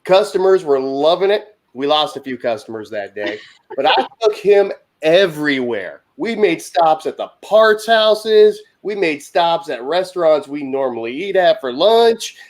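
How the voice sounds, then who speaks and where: A man telling a long, funny work anecdote on a talk show, animated and laughing as he goes. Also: a little high, a little slow. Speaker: HVAC technician guest. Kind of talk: casual storytelling on a talk show.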